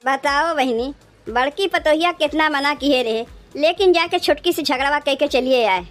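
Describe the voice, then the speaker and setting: A woman's voice: high voice, normal speed, heavy background noise, natural voice. A woman voicing an old village mother-in-law with an Awadhi accent, plaintive and grumbling about her daughters-in-law. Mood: complaining. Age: older.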